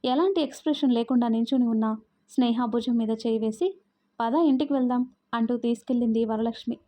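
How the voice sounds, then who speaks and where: A woman storyteller giving a steady, expressive scripted narration of a love story. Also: on the high side, brisk. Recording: muffled lo-fi audio.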